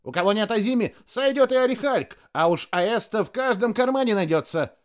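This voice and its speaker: A man's voice: sits high, lively intonation, fairly quick, pitched above the performer's own voice. A man voicing a flamboyant showman doctor who addresses a theatre crowd in a flowery, ingratiating barker's manner. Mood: wheedling.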